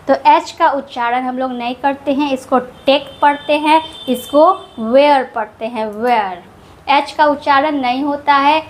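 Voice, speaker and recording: A woman teaching English pronunciation rules, who explains each rule slowly and repeats the example words with care. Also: sits high, a bit bright.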